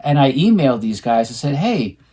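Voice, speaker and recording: A man's voice: mid-range voice, normal speed, a little mellow. Man rambling about records at home. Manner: rambling, many ums and restarts. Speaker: co-host showing his record purchases. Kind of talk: casual chat.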